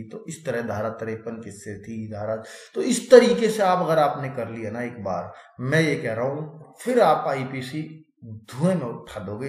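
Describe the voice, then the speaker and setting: A man's voice: medium pitch, reverberant. A man teaching an exam-prep lecture in a chatty classroom style, often checking in with his students. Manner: chatty, repeats "ठीक है" often.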